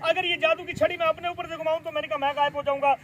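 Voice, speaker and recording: Loud showy magician. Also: male voice, very high voice, little pitch movement, racing. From Pakistan. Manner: loud, showy, coaxing children as "beta". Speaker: stage magician. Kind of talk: live magic show patter for schoolchildren. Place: outdoors at a school gathering. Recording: noisy outdoor crowd. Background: crowd of children and street noise.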